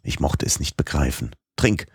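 Deep husky male audiobook narrator. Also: normal speed, no echo, clean studio sound. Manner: expressive reading, voicing the dialogue. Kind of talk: scripted narration of a classic novel.

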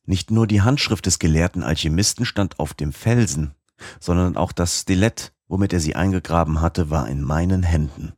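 A man narrating a classic novel in the first person, in a measured, literary reading. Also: low-pitched, darkish tone, no room sound, studio quality. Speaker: audiobook narrator.

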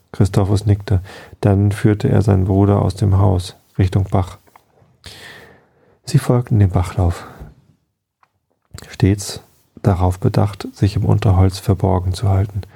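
Low gravelly guy softly reading a bedtime story, dark husky voice. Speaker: podcast host reading a story aloud.

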